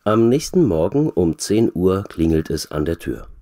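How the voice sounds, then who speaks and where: A man reading a graded storybook aloud for language learners, slowly and clearly. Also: low-pitched, big pitch swings, warm tone. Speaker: reader.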